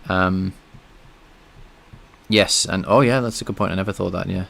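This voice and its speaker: A deep-voiced man, gravelly yet a bit bright, codes live on stream at a normal pace with fairly even intonation. A native English speaker, he talks through his thinking and answers chat in a casual manner.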